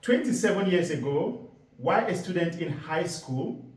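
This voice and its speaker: A man in his forties speaks, his voice sitting a little high for a man. He tells his story earnestly and leans on key words. His voice comes from a distance and rings around a roomy space. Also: expressive. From Cameroon. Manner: earnest, storytelling delivery with deliberate emphasis. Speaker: environmental activist giving a presentation. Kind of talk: public presentation talk.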